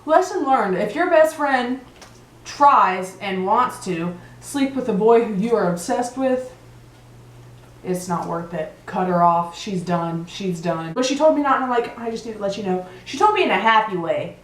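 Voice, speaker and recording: A young woman vlogger telling high school drama in a chatty, dramatic, sarcastic way while eating. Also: lively intonation, moderate pace, echoey room, rough recording. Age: young adult. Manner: chatty, dramatic, holds grudges, sarcastic asides. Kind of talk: casual storytime while eating. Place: car, then indoors at a table.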